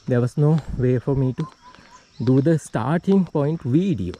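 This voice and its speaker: A man's voice: medium pitch, lively intonation, unhurried, dark tone, a little hiss or hum, rough recording. A Sri Lankan man narrating his hike on a tea estate trail to an action camera, a bit out of breath as he walks uphill. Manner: walking uphill while talking, slightly winded. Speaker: hiking vlogger.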